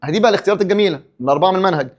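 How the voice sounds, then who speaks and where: This man has a high voice and a rapid-fire delivery, along with an Egyptian Arabic accent. Reviewing for an English exam, he asks and answers his own questions and pauses to give pep talks.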